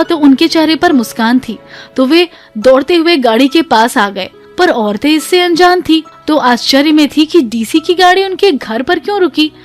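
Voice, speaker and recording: A woman narrating a family drama in Hindi as a storyteller, steady and emotive. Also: sits high. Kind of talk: scripted narration.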